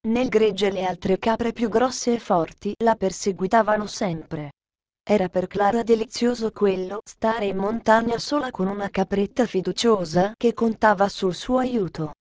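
A woman's voice: medium pitch, a little mellow, no room sound. Woman reading a children's classic aloud. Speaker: narrator.

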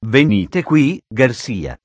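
A man voicing a stern, pompous older judge, speaking slowly and indignantly in a dry recording. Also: mid-range voice, sing-song, dry recording, exaggerated voice. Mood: scornful.

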